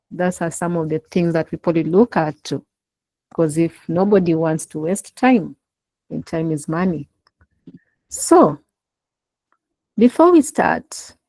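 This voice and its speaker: A woman's voice: on the low side, a little mellow, no echo, rough recording. A woman leading an online class session over a laptop call, encouraging her listeners to take part. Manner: encouraging, prompting participation. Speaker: instructor. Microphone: laptop in a video call.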